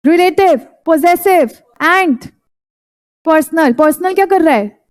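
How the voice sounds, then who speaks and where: A woman with a high voice gives a classroom lecture in a mix of Hindi and English. She fires quick prompts at her students and checks that they are following. She says the key terms over and over so they stick. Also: a little mellow. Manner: quizzes students with repeated prompts; repeats key terms for emphasis. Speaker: teacher.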